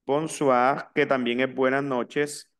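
Smooth-voiced man teaching a class. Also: medium pitch, level tone, a bit bright. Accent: Latin American Spanish. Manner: slow, spelled-out pronunciation drills. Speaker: French teacher. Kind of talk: online language lesson.

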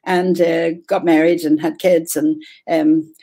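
A woman's voice: low-pitched, little pitch movement, slow pace, warm tone. An older woman from Ireland, a guest on a video call, telling her story in a rambling way with frequent fillers and repeats. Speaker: interview guest. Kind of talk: casual interview. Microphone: webcam on video call.

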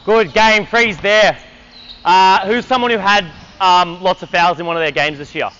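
A man's voice: sits high, normal speed, bright, forceful tone, lo-fi sound, slight background noise. A man coaching a basketball clinic on an indoor court, energetically calling out drills and counting down for players.

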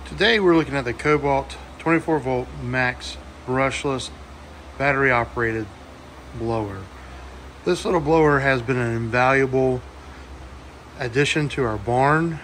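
A man in his forties giving a relaxed, plainspoken tool review to the camera inside a wooden horse barn, with lots of fillers. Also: mid-range voice, a little slow, slight background noise. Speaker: farm owner reviewing a tool. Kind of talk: casual talk to camera.

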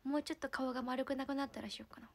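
A young woman from Fukuoka with a Hakata accent, chatting casually on a livestream, giggling and sometimes dropping to a soft murmur. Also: high-pitched, fairly even intonation, very fast, gravelly. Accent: Hakata dialect. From Fukuoka, Japan. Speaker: idol livestreamer.

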